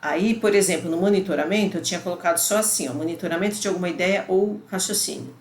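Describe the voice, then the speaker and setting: A woman's voice: fairly low pitch, fast, a little mellow. A middle-aged woman, giving a conversational university lecture and explaining step by step, often checking in with the listener. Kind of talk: recorded online lecture. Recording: roomy echo with faint background noise.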